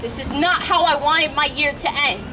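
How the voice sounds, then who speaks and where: A teenage girl from New York with a very high voice gives an impassioned protest speech in the open air. She sounds distant from the mic, with a crowd and traffic clearly audible behind her. She is earnest and emphatic. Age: late teens. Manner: earnest, emphatic, with pauses and restarts. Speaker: student rally speaker. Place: outdoor plaza at a street rally. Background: crowd cheering, traffic.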